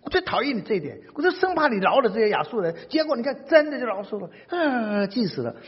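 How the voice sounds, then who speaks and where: A man acting out an angry, resentful prophet who shouts and sulks, heard in a dull recording with long hall reverb. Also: very high-pitched, sing-song, fast talker, husky, voice pushed up, full character voice. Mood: furious sulking. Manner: shouting, petulant.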